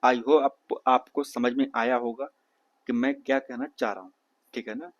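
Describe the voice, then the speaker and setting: Brief: male science tutor, asks and answers his own questions, mid pitch, slow English read-outs. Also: fairly even intonation, highs cut off. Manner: repeats questions and answers them himself; calls listeners "beta", checks "theek hai na". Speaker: teacher. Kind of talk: exam-prep science lesson.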